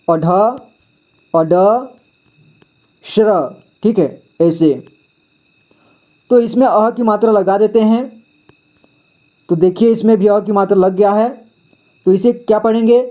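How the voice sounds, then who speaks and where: A man teaching children to read Hindi, slowly reading each word twice and asking then answering his own questions in a patient way. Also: high voice, dark tone. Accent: Indian Hindi. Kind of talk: slow phonics lesson, reading words aloud.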